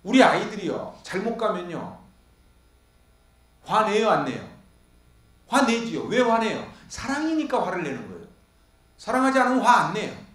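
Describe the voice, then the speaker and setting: A man preaching to his congregation in a high, bright-toned voice. He keeps putting questions to the room and answering them himself. The sound rings around a reverberant church hall. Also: sing-song, normal speed, long pauses. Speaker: pastor. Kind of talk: expository sermon. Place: church sanctuary.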